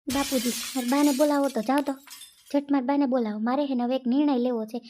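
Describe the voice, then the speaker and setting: A woman's voice: high-pitched, fairly even intonation, dark tone, a little hiss or hum, lightly acted. A woman playing a hot-tempered grown son who rants in an exasperated way. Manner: exasperated, fast ranting.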